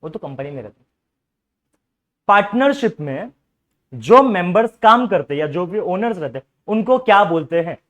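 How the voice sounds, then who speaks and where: High-voiced man teaching commerce. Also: sing-song, normal speed, pauses often, fairly bright tone. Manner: quizzing students, coaxing and repeating. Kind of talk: classroom lecture.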